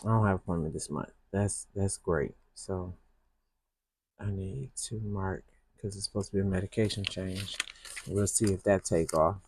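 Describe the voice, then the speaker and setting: A planner vlogger from Michigan with a Southern US accent rambles casually while decorating her planner, speaking slowly and softly and often restarting. Her voice is a low rumble with fairly even intonation. The recording is low quality, with slight background noise.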